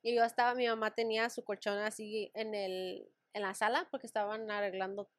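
A young woman co-hosting a casual podcast chat, telling scary stories in a lively way and dropping English fillers into her speech. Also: medium pitch, a little fast, no room sound, clean studio sound. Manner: mixes Spanish with English fillers, animated storytelling. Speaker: podcast co-host.

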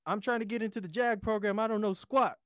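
A man's voice: sits high, steady tone, fast, no echo, highs cut off, close to an everyday voice. A man playing a goofy, clueless young cadet who stammers and giggles in a comedy skit.

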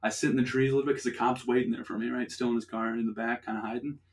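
A man's voice: medium pitch, flat delivery, very fast. A young man telling a rambling, profane story in casual chat on a podcast, laughing often. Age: young adult. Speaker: podcast host.

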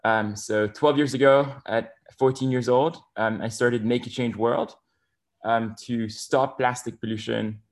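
Enthusiastic young man with lots of ums. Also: medium pitch. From Bali, Indonesia. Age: 20s. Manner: enthusiastic, many fillers and restarts. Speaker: guest. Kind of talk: podcast interview.

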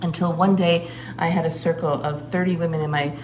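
A woman with a low voice speaks earnestly and at length as a shamanic priestess, giving a casual spoken account. Her words flow but are broken by frequent filler pauses. The recording sounds roomy, with steady noise clearly audible behind her.

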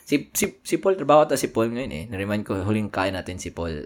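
A man's voice: on the low side, sing-song, quick pace, noisy background. A man with a Filipino accent chatting casually as a podcast co-host, playful and jokey, laughing often. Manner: playful, jokey, laughs a lot, drops into quiet mumbles. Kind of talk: casual chat.

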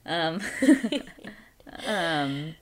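A woman's voice: low-pitched, sing-song, drawn-out words, a crowd in the background. A woman co-hosting a casual chat podcast, groggy from just waking up, rambling in a playfully dramatic way. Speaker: podcast co-host.

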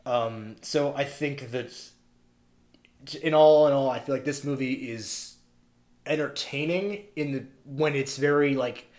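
A man co-hosting a podcast, chatting casually about films with lots of fillers and animated quoting. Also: mid-range voice, a little slow. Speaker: podcast co-host. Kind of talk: casual film discussion.

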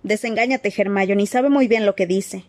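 A woman's voice: mid-range voice, normal speed, darkish tone, natural voice. A woman reading the lines of a wry, mocking teenage boy in an audiobook.

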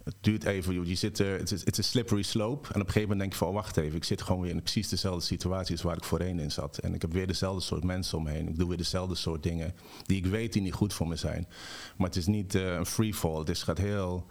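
Dutch guy telling his story on a podcast, low and gravelly, drops english words in. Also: quick pace, few pauses. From Netherlands. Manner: relaxed storyteller who mixes English words into his speech. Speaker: ayahuasca shaman guest.

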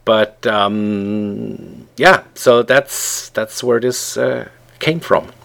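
A middle-aged man from Switzerland, a guest on a podcast, talking in a relaxed way and often pausing with ums as he looks for words. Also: fairly low pitch, gravelly. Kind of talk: casual interview conversation.

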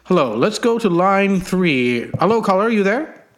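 A man co-hosting a comedy call-in show, greeting callers in a smooth, upbeat radio-host delivery. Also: sits high, sing-song, normal speed. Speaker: podcast co-host taking calls.

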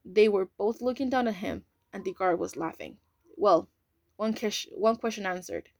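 A woman's voice: mid-range voice, normal speed, no echo, studio quality. Woman reading an audiobook. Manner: casual reading with slips and asides. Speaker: audiobook reader. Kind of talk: audiobook narration.

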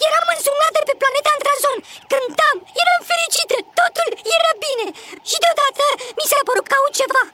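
Very high, twittering cartoon songbird, breathless and excitable. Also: female voice, few pauses. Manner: twittery, breathless, blurts in bursts. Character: frantic chirping songbird creature, female, excitable. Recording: loud hiss under the voice.

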